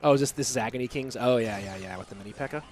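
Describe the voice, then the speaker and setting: Stuffed up from a cold, a young male esports commentator talks very fast at a medium pitch, with soft music in the background. It's a casual solo cast: play-by-play calls mixed with reading chat. In the gaps between plays he chats easily with viewers and answers their questions.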